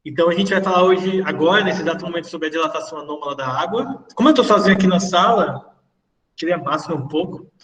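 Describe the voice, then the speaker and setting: Brazilian male teacher, fairly high voice, relaxed and chatty, recorded from a distance with a cave-like echo filling an empty classroom. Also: quick pace. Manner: relaxed, chatty explaining with asides. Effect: heavy cave-like echo. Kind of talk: casual livestreamed classroom lecture. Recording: echoey hall, voice far from the mic.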